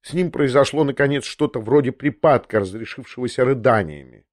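A man reading an audiobook as its narrator, with a measured, even delivery of literary prose. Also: medium pitch, no echo, studio quality.

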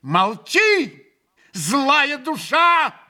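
A man's voice: high-pitched, lively intonation, slow, sharp tone, slightly rough, voice pushed up, exaggerated voice. A man reading an audiobook, voicing a proud, passionate young woman who swings into hysterical outbursts. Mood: furious. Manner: fierce, sobbing outbursts.

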